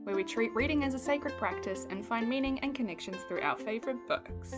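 A woman's voice: a little high, expressive, a little fast, over music. Wry woman podcast co-host. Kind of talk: casual book chat.

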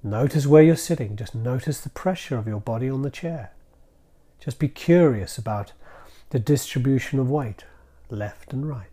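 A man guiding a calm grounding exercise in a gentle, soothing manner, leaving deliberate pauses between short phrases. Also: medium pitch, breathy edge. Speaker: mindfulness practice guide.

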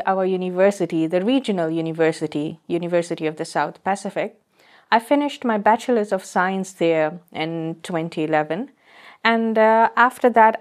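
A woman from Fiji, a research guest telling her story in a podcast booth in a measured, thoughtful way. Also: mid-range voice. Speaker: guest, postdoctoral climate researcher. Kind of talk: conversational interview.

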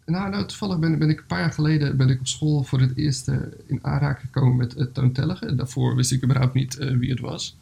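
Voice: mid-range voice, quick pace, vocal fry, few pauses, warm tone. A young adult chatting hesitantly and then reading a children's story aloud. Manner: hesitant, many fillers.

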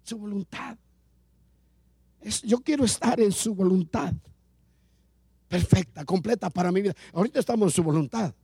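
A man's voice: high-pitched, moderate pace, creaky, pauses often, mellow, husky, no room sound. Male pastor, sermon delivery with repeated emphatic phrases; dry, close recording. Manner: preaching with repetition and rising emphasis.

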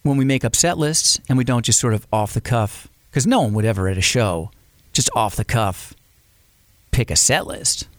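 Male podcast co-host, mid-pitched, quick and jokey, dry close sound. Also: no room sound. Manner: animated, quick, jokey, talks over his co-host. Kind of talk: casual chat.

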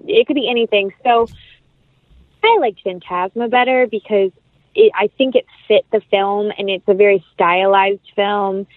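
A woman with a mid-range voice speaks at a moderate pace in a casual interview about her work as an actress, chatting informally and dropping plenty of "like" and "you know." The audio is dry with no room sound, carried over a narrow-band, phone-like line.

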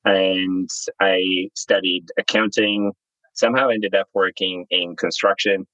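A man's voice: deep voice, unhurried, no room sound, muffled recording. A man in his thirties from Zimbabwe, a startup founder telling his story candidly as an interview guest. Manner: candid, relaxed, storytelling with fillers.

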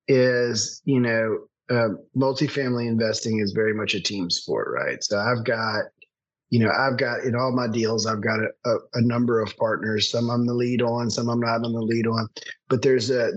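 This podcast host interviews a guest in a relaxed, chatty way, often rambling and restarting his sentences. His mid-range voice has a moderate pace, and the recording has its highs cut off.

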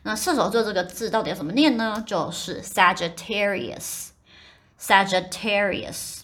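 A woman speaks as the host of a podcast lesson and explains sounds one step at a time. She slows down to model each example word carefully before moving on. The recording is close and clean, like a podcast studio mic. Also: medium pitch, lively intonation. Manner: explains step by step, slowly modeling English words. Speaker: podcast host teaching English pronunciation.

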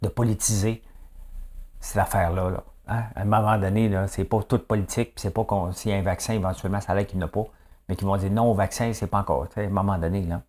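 A man's voice: sits low, fairly even intonation, quick pace, a little mellow. A middle-aged man with a Québécois accent giving a jokey, rambling opinion monologue that keeps asking "hein?". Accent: Québécois French. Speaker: commentator.

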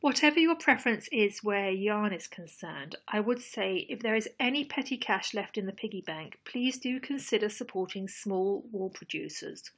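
A woman hosting a solo podcast, speaking in a measured, thoughtful and earnest way. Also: medium pitch, expressive, fairly bright tone, slightly rough. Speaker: podcast host. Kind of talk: scripted solo podcast talk.

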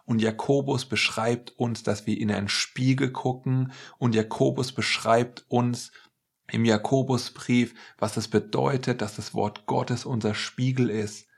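A man preaching a sermon in an earnest, measured way, stressing words slowly. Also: medium pitch, steady tone, gravelly, slightly rough.

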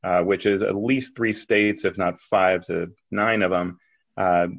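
A man's voice: low voice, steady tone, measured pace, vocal fry, muffled recording. A man chatting casually as a podcast co-host. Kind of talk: casual chat.

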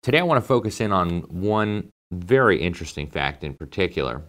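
A native English-speaking man hosts a political commentary show in a low, animated, fairly bright voice, speaking a little fast. His style is emphatic and conversational, sprinkled with fillers and asides.

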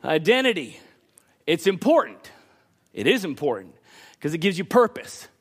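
A man preaching a sermon in a church service, emphatic, shifting between quick asides and bursts of raised voice. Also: fairly high pitch, sing-song, husky. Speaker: pastor.

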